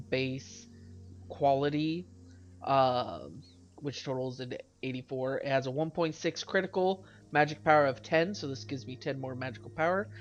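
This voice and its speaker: In a muffled recording, a let's play host with a medium-pitched voice and a stuffy, cold-affected nose chats casually about his gameplay. He wanders through weapon stats and corrects himself as he goes, as faint game music plays in the background.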